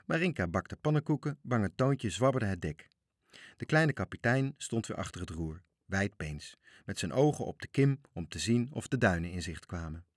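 A man reading a children's story aloud, with lively, expressive narration. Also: fairly low pitch, no room sound, studio quality.

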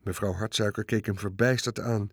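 Male storybook narrator, calm and measured, dry studio sound. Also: lowish voice, no echo. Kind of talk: scripted audiobook narration.

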